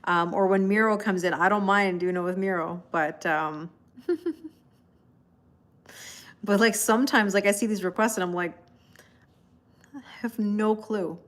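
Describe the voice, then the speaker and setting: Speaking unhurriedly with frequent pauses, this medium-pitched Canadian woman runs a tarot livestream as its reader and host. She rambles cheerfully, laughs a lot, and addresses viewers by name while reading their comments in relaxed chat.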